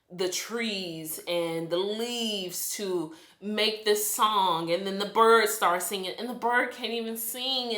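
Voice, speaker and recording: A vlogger from the United States, a woman with a medium-pitched voice, reviews a movie in a chatty, animated rant and sounds exasperated. Her voice is bright and forceful, and it rings in an echoey room.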